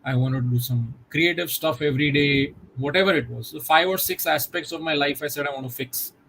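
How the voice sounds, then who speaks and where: A man's voice: on the high side, gravelly, a bit bright, a little hiss or hum, poor audio. Reflective man speaking over a video call. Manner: reflective, measured, frequent "you know" fillers. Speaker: guest. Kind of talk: conversational interview.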